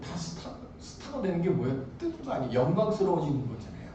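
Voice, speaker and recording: A man's voice: fairly high pitch, huge pitch swings, fast, mellow, dull audio, slight background noise. A male pastor preaching a sermon, animatedly quizzing the congregation. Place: church sanctuary. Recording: echoey church hall from far off.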